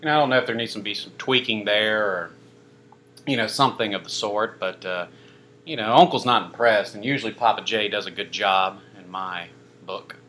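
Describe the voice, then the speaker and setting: A man's voice: on the low side, moderate pace, bright, forceful tone, a little hiss or hum. A young man casually reviewing a pizza on camera, rambling with lots of fillers and dry self-mocking asides. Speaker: food reviewer. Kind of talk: casual food review vlog.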